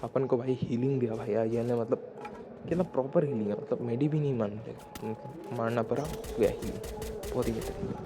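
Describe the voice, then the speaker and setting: A young man giving casual, slangy, excited commentary over his gameplay highlights. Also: fairly quick, background noise. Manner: excited, slangy, talks to viewers as "bhai". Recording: voice-over with loud background music.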